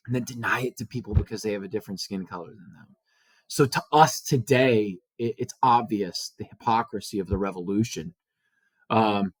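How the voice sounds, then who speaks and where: Male history teacher, chapter-summary lecture, mid-pitched, dry close sound, lots of fillers. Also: no room sound, poor audio. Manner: animated storytelling with many fillers and restarts.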